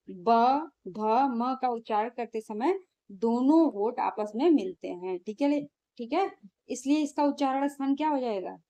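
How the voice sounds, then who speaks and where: A woman's voice: on the high side, warm tone. A woman teacher, going through exam questions in a lesson and answering her own questions.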